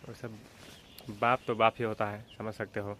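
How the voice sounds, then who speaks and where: A young man from Jharkhand, India, vlogging a casual childhood story in a rambling way, often checking in with the listener and clearing his throat. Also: lowish voice, flat delivery, moderate pace, sharp tone, a little hiss or hum. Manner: rambling, with frequent filler checks like "theek hai" and "hai na".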